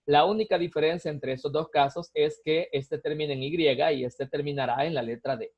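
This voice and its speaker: A man giving a recorded lesson, explaining grammar rules patiently step by step, often checking in with a quick tag question. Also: a little high, fairly even intonation, a little mellow. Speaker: teacher. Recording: dull lo-fi recording.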